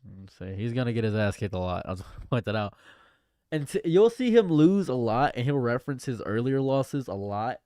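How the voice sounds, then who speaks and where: A man's voice: medium pitch, big pitch swings, normal speed, mellow, dry recording, studio quality. A man in his late twenties chatting casually on a livestream, rambling and repeating his phrases. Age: late 20s. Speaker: streamer.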